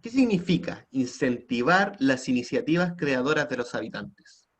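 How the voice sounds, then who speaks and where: Speaking at a moderate pace in an expressive mid-range voice, this man runs an online class in Chilean-accented Spanish and keeps prompting students with tag questions. A computer mic on a video call picks him up, with slight background noise.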